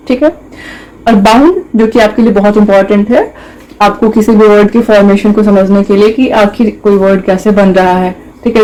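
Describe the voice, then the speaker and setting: A woman's voice: medium pitch, darkish tone, rough recording. Woman teaching grammar in Hindi-English. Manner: explains step by step, asks rhetorical questions.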